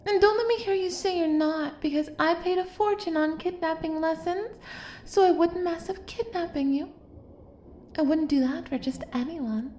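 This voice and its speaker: In an intimate roleplay audio, a woman with a high, warm voice plays an obsessive young female kidnapper who dotes on the listener. She addresses them directly, gushing and coaxing in a cutesy, adoring way, in an echoey room with a little hiss or hum.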